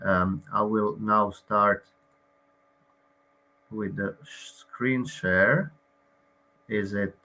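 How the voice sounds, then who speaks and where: Man from Croatia pitching his game. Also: steady tone, very slow, long pauses, pushed and bright. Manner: hesitant, many fillers. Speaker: game co-founder presenting. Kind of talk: online presentation pitch.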